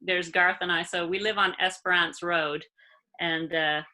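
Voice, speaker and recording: Low, bright-voiced Maritime Canadian woman. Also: fairly even intonation, unhurried, rough recording. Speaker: interview guest, emergency doctor and musician. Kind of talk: casual interview chat.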